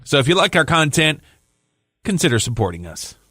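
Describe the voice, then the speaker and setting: A man's voice: fairly high pitch, sing-song, a little fast, bright, forceful tone, breathy edge, no echo, studio quality. A man co-hosting a wrestling podcast, reading sponsor plugs and support tiers in a loose, chatty way, tired and yawning. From Louisiana. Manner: chatty, loose, with filler words. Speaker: podcast co-host.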